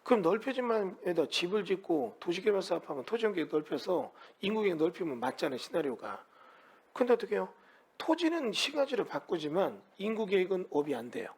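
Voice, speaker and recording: Guy lecturing on real estate law, husky voice, high and really lively, keeps quizzing the class. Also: fairly quick. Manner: animated, asks students many rhetorical questions. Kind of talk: lecture to students.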